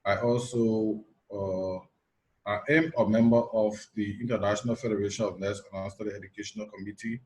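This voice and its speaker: Measured, lower-pitched man from Liberia. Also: steady tone, a little mellow, low-quality recording. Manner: measured, factual, with pauses and fillers. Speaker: nurse anesthetist. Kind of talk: video call interview.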